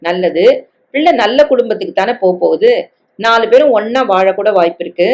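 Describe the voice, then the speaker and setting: A woman with a Tamil accent reads a family novel aloud, unhurried and even-voiced at a middle pitch. She changes her tone for each character as the dialogue moves between them. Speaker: story reader.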